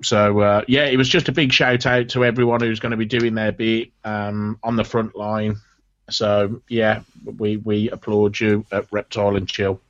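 A man's voice: lowish voice, level tone, normal speed, no echo. A man co-hosting a casual podcast, chatty and enthusiastic, calling people mate. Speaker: podcast co-host. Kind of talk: casual chat. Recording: dull lo-fi sound.

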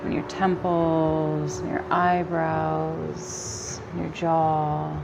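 A woman guiding a yoga nidra relaxation in a calm, soothing, gentle manner with long pauses between phrases. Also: low voice, creaky, background noise. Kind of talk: guided relaxation meditation.

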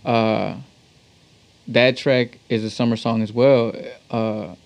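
A man from Texas, a musician and talk box artist, tells stories during a casual interview in relaxed, slangy street talk. His voice is medium-pitched, gravelly and a little mellow, with fairly even intonation, and he takes his time.

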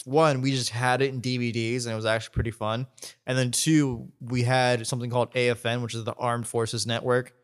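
A man's voice: mid-range voice, level tone, a little fast, clean tone. A young man co-hosting a podcast, chatting casually, rambling and swearing, laughing often. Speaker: podcast co-host. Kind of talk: casual chat.

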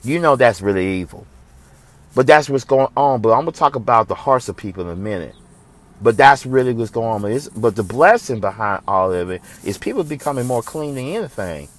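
A man's voice: mid-range voice, no room sound. A man from the United States hosting a religious commentary show, speaking in an impassioned, preachy way that repeats phrases for emphasis.

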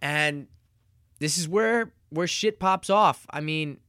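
A man's voice: fairly high pitch, slow, sharp tone, clear, resonant tone, dry recording, clean studio sound. A man hosting a podcast who recaps a TV series in a casual, rambling way, with lots of fillers and the odd swear word. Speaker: podcast host reviewing a TV series.

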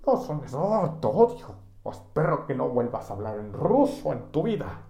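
A man's voice: medium pitch, lively intonation, normal speed, warm tone, voice pushed up, natural voice. A man voicing a grumpy, scolding older male heckler with a Mexican Spanish accent, indignant and bossy. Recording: echoey room.

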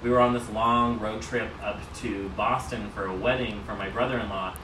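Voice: mid-range voice, fairly even intonation, normal speed, fairly bright tone. A podcast host in casual chat, chatty and rambling, laughing easily. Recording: roomy, distant mic with noise.

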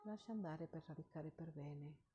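A woman leading a guided meditation with recited affirmations in a soft, breathy voice, pausing between short phrases. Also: deep voice, highs cut off, music in the background.

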